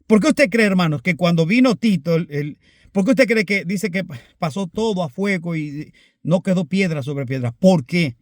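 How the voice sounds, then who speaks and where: A man with a notably high voice preaches a sermon, earnest and insistent, calling his listeners brothers. His delivery swings between emphatic rises and quiet asides. The sound is dry and close. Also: expressive, moderate pace, no echo.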